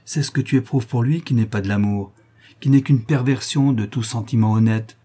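A man's voice: mid-range voice, moderate pace, mellow, slightly rough, natural voice. A man reading aloud and voicing a composed married woman who scolds firmly and reproachfully. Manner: firm, reproachful.

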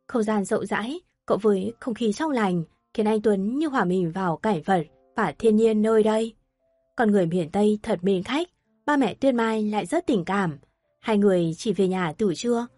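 A woman narrating an audio story with steady, even storytelling. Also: mid-range voice, no room sound, clean studio sound.

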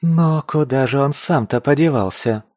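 A man's voice: medium pitch, moderate pace, darkish tone, no echo, studio quality, pitched above the performer's own voice, close to an everyday voice. A man voicing a tough, wounded young woman scavenger who mutters and curses to herself in a storybook reading. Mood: muttering. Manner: muttering to herself, gruff, cursing.

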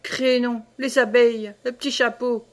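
Brief: woman reader as a drunk, blustering old peasant man, hiccuping, slow and a bit low, storybook reading. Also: flat delivery, lightly acted. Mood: boastful.

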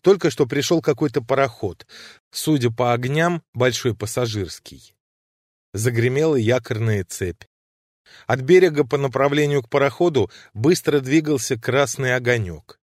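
A man narrating classic literary prose in a measured, even reading voice. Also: medium pitch, no room sound, studio quality. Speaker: audiobook narrator.

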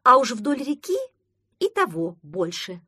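A woman's voice: on the high side, sing-song, measured pace, sharp tone, husky, no echo, clean studio sound, exaggerated voice. A woman voicing a cheerful girl in a children's audiobook, eager and emphatic. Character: bright, cheerful girl who loves holidays.

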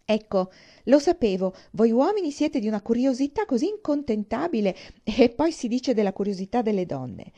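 Woman reading a flighty, gushing young lady for an audiobook, lively swoops, mellow tone. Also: medium pitch, normal speed. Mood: effusive.

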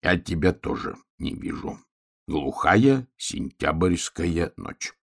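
A man's voice: low voice, animated, takes it slowly, heavily acted. A man voicing an impulsive young bear cub who talks in short, blunt, bossy bursts. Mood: grumbling. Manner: blunt, brusque, mumbling. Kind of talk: audiobook character voice.

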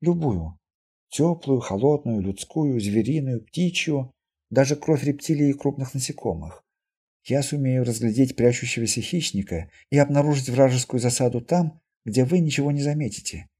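Guy doing a quiet earnest mutant girl, husky soft voice, storybook. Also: mid-range voice, animated, normal speed. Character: young mutant woman with red eyes, calm and earnest.

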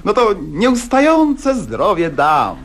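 A high, pushy toasting guest. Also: male voice, wildly swooping pitch, slow, very noisy, full character voice. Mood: insistent. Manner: insistent, jovial.

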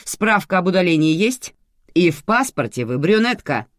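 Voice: medium pitch, sing-song, normal speed, no room sound, studio quality, voice pushed up, natural voice. A reader voicing a stern female airport supervisor who barks orders and interrogates. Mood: interrogating. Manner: harsh, shouting, interrogating.

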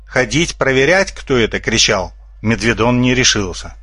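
Male narrator, audiobook, steady, husky, dry close sound. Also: medium pitch, normal speed, no room sound.

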